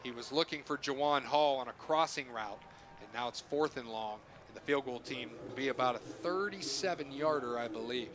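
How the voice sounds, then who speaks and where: A man's voice: medium pitch, moderate pace, background noise. A man calling live football play-by-play in short phrases that follow the action. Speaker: play-by-play announcer. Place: stadium broadcast booth.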